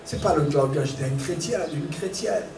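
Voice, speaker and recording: A man preaching a sermon as pastor, animated, acting out little scenes and shouting warnings. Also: fairly high pitch, normal speed, noisy background. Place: church hall. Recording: echoey church room from far off, faint ambience.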